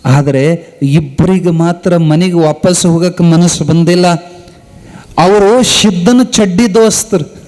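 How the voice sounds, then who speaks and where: A man, telling a devotional story as a sermon. He swings between high, urgent calls and low, solemn lines. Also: takes it slowly, a little mellow. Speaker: spiritual discourse speaker. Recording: long hall reverb.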